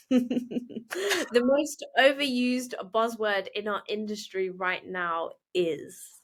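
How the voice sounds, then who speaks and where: A woman hosting a casual interview, running quick quiz games and laughing often. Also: on the high side. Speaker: host.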